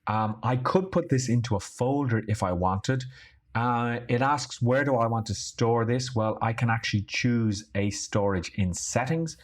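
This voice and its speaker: A man hosting a weekly online show, giving an upbeat, chatty software review. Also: mid-range voice, measured pace.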